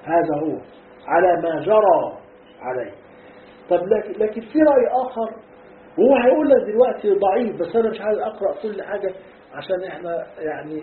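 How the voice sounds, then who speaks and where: A man with an Egyptian Arabic accent teaches a grammar lesson on Quran commentary in a fairly high voice. He keeps throwing questions at his students and answering them himself. The recording is tinny and phone-like, with a roomy echo and faint noise behind. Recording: tinny lo-fi echoey lecture hall recording.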